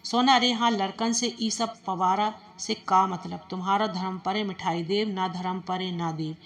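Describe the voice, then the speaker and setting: Taunting rustic village wife, sharp tongue, woman reader putting her on. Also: medium pitch, fairly even intonation, measured pace. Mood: scornful. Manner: taunting, rustic dialect speech.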